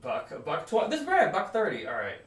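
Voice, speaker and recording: A man's voice: fairly high pitch, huge pitch swings, a little fast. A young man in casual chat as a chess show co-host, joking and thinking aloud as he plays. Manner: joking, rambling, thinks aloud about moves. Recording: roomy room, faint noise.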